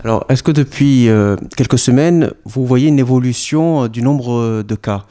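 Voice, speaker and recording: A man's voice: mid-range voice, normal speed, warm tone. A man acting as interviewer, putting questions to a guest.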